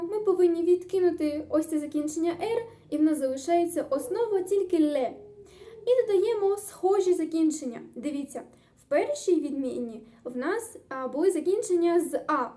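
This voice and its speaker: A woman's voice: very high-pitched, warm tone. A woman tutor teaching a grammar lesson, explaining step by step in an upbeat, encouraging way. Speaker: Spanish tutor.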